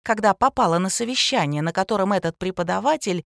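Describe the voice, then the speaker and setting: A woman narrating an audiobook in an even storytelling manner. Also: mid-range voice, fast talker, creaky, no room sound, studio quality. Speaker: audiobook reader. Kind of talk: scripted narration.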